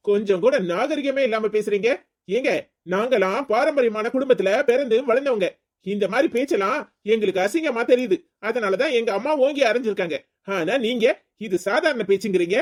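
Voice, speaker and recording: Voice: mid-range voice, expressive, brisk, natural voice. A performer voicing a principled, indignant young brother-in-law in a cartoon story, lecturing firmly. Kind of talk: cartoon voice acting.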